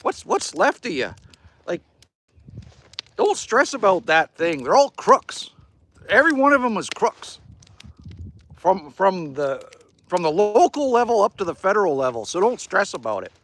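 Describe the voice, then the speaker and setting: In a cabin warmed by a wood fire, a middle-aged Canadian man runs a casual livestream, reading comments and joking with viewers in a folksy manner. He speaks in a high, very animated voice that is a bit bright, a little slow, and broken by frequent pauses.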